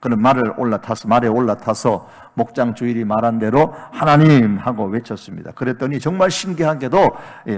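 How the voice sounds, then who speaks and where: A middle-aged man, a senior pastor, preaching a Sunday sermon, telling a story with acted-out dialogue and building to loud emphatic peaks. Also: mid-range voice. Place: church sanctuary. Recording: long reverb of a large church sanctuary.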